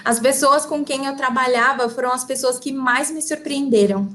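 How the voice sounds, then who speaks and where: A woman's voice: sits high, sharp tone. A woman with a Brazilian Portuguese accent interpreting a speaker phrase by phrase. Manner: quick, relaying phrase by phrase. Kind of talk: consecutive interpreting.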